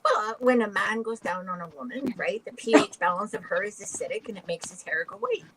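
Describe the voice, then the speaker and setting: A woman's voice: medium pitch, very animated, a little fast. A woman in a casual group chat, telling a crude story in a matter-of-fact way. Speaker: panel participant. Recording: call audio with clear background noise.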